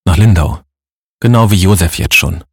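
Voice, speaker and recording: Deep, husky male narrator. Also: moderate pace, no echo, studio quality. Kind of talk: audiobook narration.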